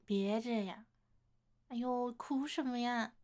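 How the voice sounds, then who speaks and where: A woman's voice: a little high, takes it slowly. A woman playing a teasing, doting older sister. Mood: teasing, coaxing. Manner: coaxing, playful teasing, gentle laughter. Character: teasing, affectionate older-sister woman wooed by a younger man. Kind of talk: one-sided romantic role-play audio.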